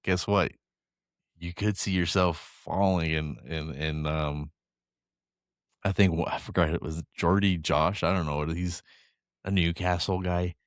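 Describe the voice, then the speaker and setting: A man's voice: low voice, steady tone, a little slow, dry recording, clean studio sound. A man co-hosting a casual football podcast, meandering and hesitant, with frequent ums. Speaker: podcast co-host.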